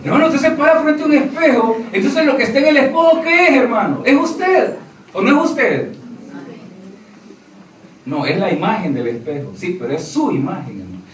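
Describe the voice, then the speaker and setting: A man's voice: very high-pitched, big pitch swings, normal speed, far from the mic, a little hiss or hum. A man preaching as a pastor, who keeps calling his listeners "brother" and asking them questions. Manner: preaching, addresses listeners as "hermano", asks questions. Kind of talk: sermon. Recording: roomy echo, voice from off mic.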